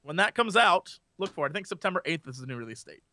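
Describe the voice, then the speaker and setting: A man's voice: high voice, very animated, fast talker, bright, forceful tone, no room sound. A man co-hosting a podcast, telling things casually in an emphatic, mocking way. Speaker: podcast co-host. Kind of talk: casual chat.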